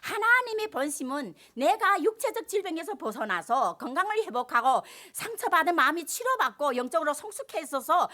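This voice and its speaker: A woman preaching a sermon in a church. Her voice sits high and swings widely in pitch, building to emphatic peaks. She calls out to the congregation for a response. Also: sharp tone. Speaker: pastor.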